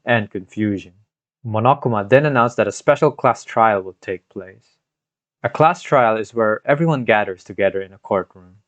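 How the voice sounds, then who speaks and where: Using a home microphone with no echo, a man with a fairly low voice tells a scripted recap of a video game's story as a storyteller would. The recording is dry, dull and lo-fi, with scuffs here and there.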